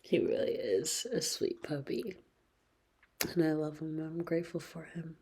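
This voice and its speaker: A woman in her late twenties talking slowly and reflectively in a personal video diary, hesitant, her husky voice often sinking to a whisper. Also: low-pitched, slight background noise. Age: 20s. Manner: slow, reflective, hesitant, with soft laughs. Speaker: vlogger.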